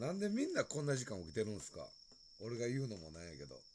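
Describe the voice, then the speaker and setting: A man with a Kansai accent hosts a late-night live stream from his phone, chatting loosely and greeting viewers. His voice sits on the low side but swings widely in pitch as he talks. Faint background noise with crickets sits under the voice. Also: huge pitch swings, fast, a little mellow. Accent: Kansai Japanese.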